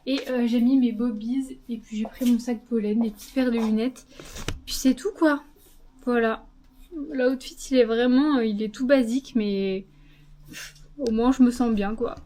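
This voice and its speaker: A woman's voice: a little high, fairly even intonation, moderate pace, dark tone. A young woman chatting casually to her camera in a vlog, with many fillers and repeated words. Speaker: vlogger. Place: out and about in town, café terrace.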